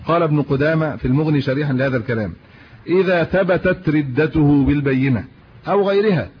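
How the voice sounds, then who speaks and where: Man, Egyptian Arabic accent, religious lesson, rhetorical questions, quick delivery, muffled recording. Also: fairly high pitch, husky. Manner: reads classical text, then explains in colloquial speech with rhetorical questions. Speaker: religious teacher. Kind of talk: religious lesson explaining texts. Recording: muffled lo-fi audio with faint hiss.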